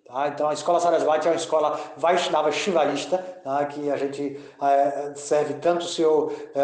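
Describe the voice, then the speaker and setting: Halting devotional teacher, echoey room. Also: male voice, a little high. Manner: slow, halting, chants mantras drawn out. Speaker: spiritual teacher. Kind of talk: devotional audio talk.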